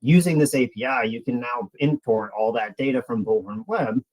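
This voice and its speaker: Speaking at a moderate pace in a mid-range, darkish voice, a man presents a product during a webinar, addressing viewers directly in a conversational style, captured on a rough recording.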